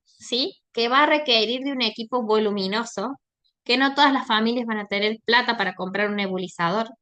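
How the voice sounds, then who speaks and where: A woman's voice: a little high, brisk, bright, forceful tone. A woman giving a lecture, explaining in a conversational way and often checking in with her class. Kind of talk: online lecture.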